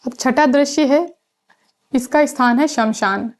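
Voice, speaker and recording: A woman's voice: high voice, unhurried. A woman teaching literature, reading a play's lines aloud and then explaining each one in plain words. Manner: reads dialogue then paraphrases it plainly.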